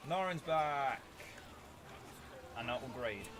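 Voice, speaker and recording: A man's voice: medium pitch, expressive, takes it slowly, background noise. A man giving strategy game commentary as a video host, playfully theatrical, talking to his units and making mock threats.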